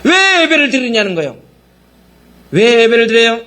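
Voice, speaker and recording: A man's voice: very high-pitched, sing-song, normal speed, pushed and bright. A male pastor preaching a sermon, firing rhetorical questions at the congregation and mockingly acting out quoted voices.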